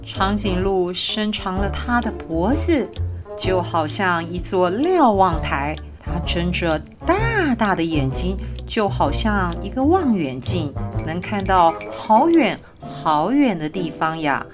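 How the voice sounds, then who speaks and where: Woman telling a children's story, slowly. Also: lowish voice, music in the background. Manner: gentle, expressive, unhurried.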